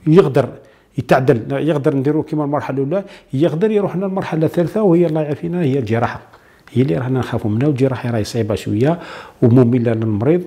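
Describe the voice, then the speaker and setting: A man's voice: medium pitch, mellow. A man with an Algerian Arabic accent, a doctor explaining a medical topic to TV viewers step by step, dropping French medical terms into his dialect. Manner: lists points step by step.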